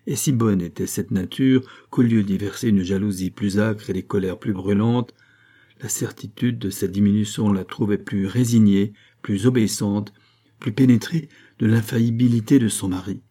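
A man narrating a classic novel as an audiobook, reading in measured, phrase-by-phrase delivery. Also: lowish voice, fairly even intonation, dark tone.

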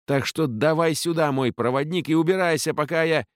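A man reading an audiobook, voicing a fierce young woman summoner who talks in a sharp, scolding way. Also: fairly high pitch, fairly quick, no echo, studio quality, voice pushed up, natural voice. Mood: scornful. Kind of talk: audiobook character voice.

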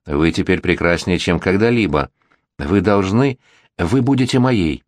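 Guy reading as a smooth old-court regent, low voice, dry, pushy and charming. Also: expressive, measured pace, no echo. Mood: insistent. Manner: gallant, insistent. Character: worldly, flirtatious middle-aged male prince regent.

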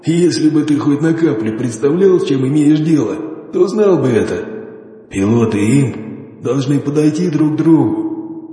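A man voicing a proud, irritable old male war robot sub-personality in an audiobook, with a booming metallic robot voice that rumbles and barks slowly. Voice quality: rumbling, shouting. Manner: slow, haughty, barking. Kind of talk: audiobook character voice. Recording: heavy echoing reverb effect.

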